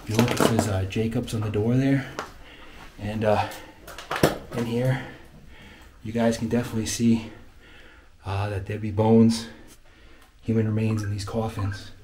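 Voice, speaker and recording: At night in an abandoned mausoleum, a man with a fairly low voice films a casual exploring vlog on his handheld phone. He talks to viewers unhurriedly and flatly, leaving long pauses, and the phone audio is noisy.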